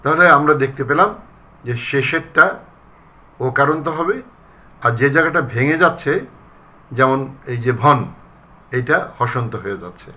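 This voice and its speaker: A man from Bangladesh, a recitation trainer, giving a pronunciation lesson and repeating example words slowly and deliberately. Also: mid-range voice, bright, forceful tone.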